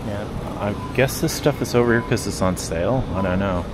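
A man's voice: fairly low pitch, normal speed, loud music behind the voice. A man vlogging a casual walk through a large grocery store, musing aloud as he reads out prices, recorded on a handheld camera. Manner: muses aloud while reading out prices.

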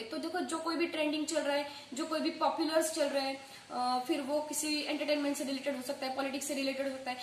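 Woman tutorial host, quick casual patter with English phrases mixed in, high voice, roomy echo. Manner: fast-talking, mixing English phrases into her speech. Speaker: online earning tutorial host. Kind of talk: casual tutorial talk to viewers. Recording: echoey room with faint background noise.

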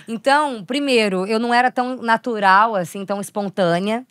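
A woman's voice: a little high, fairly quick, no echo, clean studio sound. A young woman, chatting animatedly as an actress guest on a podcast. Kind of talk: casual podcast chat.

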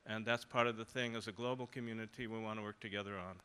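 An older male professor speaking on a conference panel in a large hall, measured and persuasive. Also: fairly low pitch, little pitch movement, pushed and bright, smooth. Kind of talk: panel discussion.

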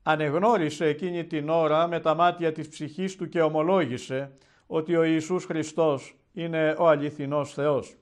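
An Orthodox bishop delivers a televised Gospel sermon, telling it in a measured, solemn storytelling style. His voice is fairly high and his tone steady.

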